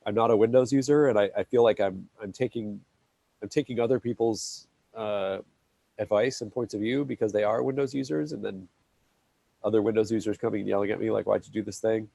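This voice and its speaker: A man with a lowish, gravelly voice, talking in a hesitant, wry way with frequent restarts. He sounds like he is on a casual online meeting call. The tone is dark and mellow and the recording is dry. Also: steady tone, fairly quick, no echo. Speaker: maintainer on open project call. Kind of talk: casual technical meeting talk.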